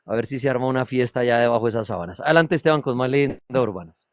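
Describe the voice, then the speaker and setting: A man's voice: mid-range voice, rapid-fire, dry recording. Male host, casual jokey chat; dull, dry recording. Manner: joking, chatty. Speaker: show host.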